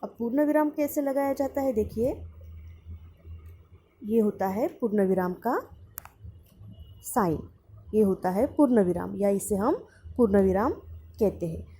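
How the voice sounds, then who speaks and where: A woman teacher giving a grammar lesson to students, explaining patiently and slowly repeating example sentences. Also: medium pitch, expressive, warm tone, husky.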